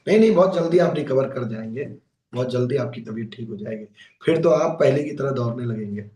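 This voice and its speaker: A man doing a calm, cautious doctor. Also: mid-range voice, brisk, voice pushed down, lightly acted. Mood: calm advising. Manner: soothing, advising. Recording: echoey room, mic far off.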